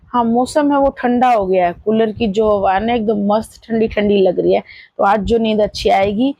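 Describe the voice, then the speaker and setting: A woman's voice: mid-range voice, steady tone, normal speed, warm tone, no echo, poor audio. A woman in her thirties chatting through her household chores as a family vlogger, describing each step as she goes. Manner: chatty, running commentary on chores. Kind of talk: casual daily-life vlog narration.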